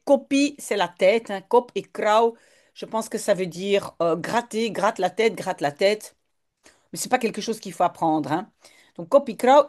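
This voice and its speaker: A woman's voice: medium pitch, a little mellow. A woman teacher, patiently reading a short text aloud and explaining it word by word. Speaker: language teacher.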